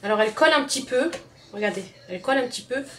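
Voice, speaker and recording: Racing and animated, this woman's slightly high, fairly bright voice carries a Southern French accent over slight background noise. She chats as a home cook demonstrating a recipe in her kitchen, speaking directly to viewers and repeating words frequently.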